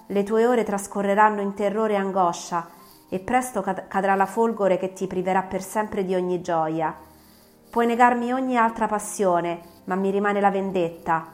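A woman's voice: lowish voice, close to an everyday voice. A woman voicing a vengeful, menacing creature. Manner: threatening, declaiming with force. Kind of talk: audiobook reading.

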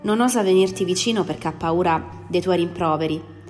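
An eager, anxious male engineer, voiced by a woman reading aloud. The tone sits a little low with a long reverb and faint music in the background. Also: brisk, darkish tone, close to an everyday voice.

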